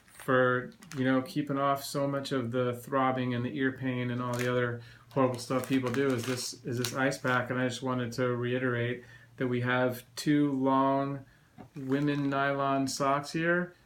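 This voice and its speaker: A man speaks casually to his viewers in a personal vlog update while nursing a sore throat after surgery. His pitch sits in an ordinary male range and moves very little. He explains things in a loose, rambling, conversational way. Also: little pitch movement, moderate pace, fairly bright tone, slight background noise. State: recovering from tonsillectomy, sore throat. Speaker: video blogger.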